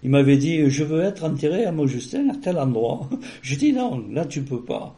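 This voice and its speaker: A man with a warm, mellow voice speaks in a casual, conversational way, as if sharing memories with an interviewer. His speech rambles, full of fillers and restarts. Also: fairly high pitch, big pitch swings, normal speed. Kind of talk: casual personal storytelling.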